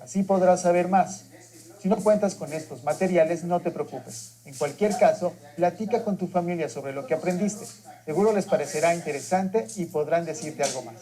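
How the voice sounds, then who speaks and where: Narrator giving calm instructions. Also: medium pitch, moderate pace. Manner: calm, instructive address to children. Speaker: program narrator. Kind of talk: scripted narration. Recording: TV sound recorded by a home device, with music behind.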